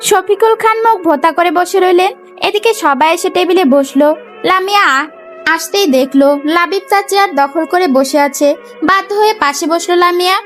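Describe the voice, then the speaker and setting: High-voiced woman storyteller. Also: normal speed, soft background music. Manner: lively, acts out all characters. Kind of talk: romantic story narration.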